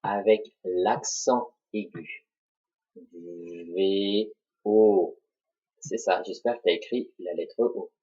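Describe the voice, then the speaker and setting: A man teaching a dictation lesson, slowly spelling out syllables for children to repeat and write. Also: sits low, a little mellow, slightly rough. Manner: slow, deliberate, spells out syllables. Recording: dull lo-fi recording.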